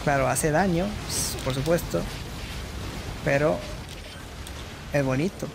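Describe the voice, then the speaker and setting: A gamer giving casual let's play commentary, excitable and swearing often, with sudden short outbursts. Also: medium pitch, slow, gravelly, background noise. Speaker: gameplay commentator.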